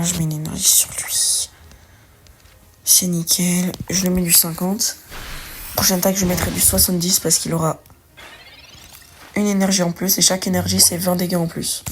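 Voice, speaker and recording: A young woman who makes gaming videos chats casually through a let's-play of a card game, thinking aloud in slang and correcting herself along the way. Her voice is fairly low and level, her pace moderate with frequent pauses. Faint music and slight background noise sit behind her.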